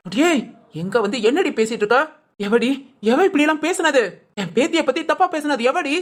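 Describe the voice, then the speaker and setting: A woman acting a sharp-tongued old village grandmother who scolds and threatens in a gruff way. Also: high-pitched, lively intonation, a little fast. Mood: furious. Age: older.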